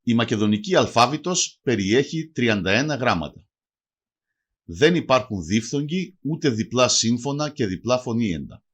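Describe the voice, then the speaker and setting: A man narrates a language lesson from a prepared script, his voice sitting at an ordinary pitch for a man. His delivery moves up and down lively through each phrase. He slows right down to spell out example words with care. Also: slightly rough. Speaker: language teacher.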